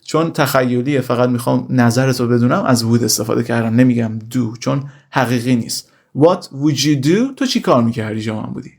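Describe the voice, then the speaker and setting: A male language teacher who pronounces example phrases slowly and deliberately, then explains them quickly and casually, often calling his students "kids". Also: mid-range voice, fairly even intonation, gravelly, a little mellow. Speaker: English teacher. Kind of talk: language lesson, explaining in Persian.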